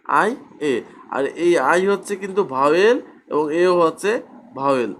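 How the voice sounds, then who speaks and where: Slow, deliberate male grammar teacher. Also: fairly high pitch, expressive, slight background noise. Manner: repeats questions and answers them himself, slow and deliberate. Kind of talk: grammar lesson.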